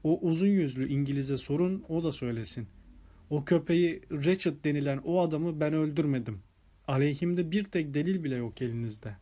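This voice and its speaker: A man's voice: on the high side, brisk, lightly acted. A man voicing a hot-tempered burly Italian chauffeur. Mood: defensive. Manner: excitable, protesting, raising the voice.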